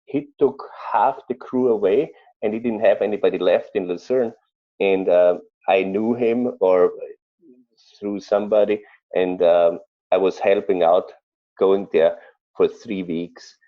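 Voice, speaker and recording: A man with an Austrian accent, a chef telling stories in an interview, speaking haltingly with many fillers and restarts. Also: sits low, lo-fi sound. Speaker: chef guest. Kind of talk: conversational interview storytelling.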